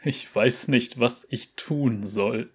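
Storybook: grieving young prince, bitter, hushed, low, male reader's own voice. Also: little pitch movement, normal speed, natural voice. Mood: subdued. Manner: subdued, bitter.

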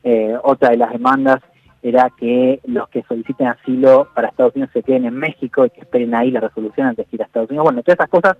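A man, giving measured political analysis in a radio interview, often pausing to rephrase. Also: medium pitch, steady tone, no room sound. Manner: measured, analytical, peppers speech with "digo". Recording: dull, dry lo-fi radio line.

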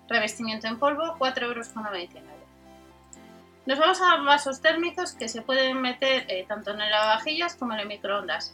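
A woman's voice: on the high side, pushed and bright. A woman with an accent from Spain doing an informal product rundown as a channel host, reading out specs and prices item by item. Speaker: host of a shopping video channel.

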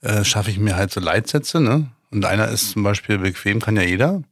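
A man's voice: on the low side, lively intonation, a little fast, fairly bright tone, slightly rough, dry recording, clean studio sound. A man co-hosting a podcast, talking reflectively with many fillers and hesitations. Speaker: podcast co-host.

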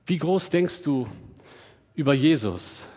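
A man's voice: on the high side, expressive, slow. Man preaching a sermon in a reverberant hall. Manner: shifts between soaring emphatic questions and hushed tender address.

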